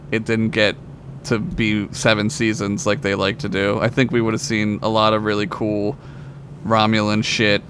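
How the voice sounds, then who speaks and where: A man co-hosting a casual fan discussion, speaking enthusiastically with halting phrasing and swearing. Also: medium pitch, a bit bright. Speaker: podcast co-host. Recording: clearly audible background noise.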